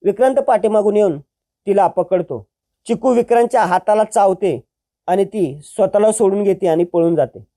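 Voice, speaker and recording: Brief: plot-retelling storyteller, steady and plain, dark and warm in tone. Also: mid-range voice, moderate pace. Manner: plain storytelling with dialogue tags. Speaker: narrator.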